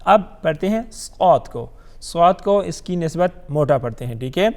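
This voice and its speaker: A man teaching Quran recitation. He draws out each Arabic letter slowly, then explains quickly, asks the viewer questions and answers them himself. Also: on the high side, animated, a little mellow.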